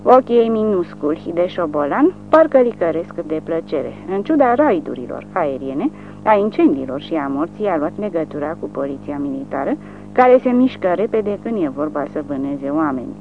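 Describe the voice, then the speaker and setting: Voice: medium pitch, sing-song. An audiobook narrator reading a war novel in a dramatic, widely varying delivery. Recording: narrow phone-like sound, faint music.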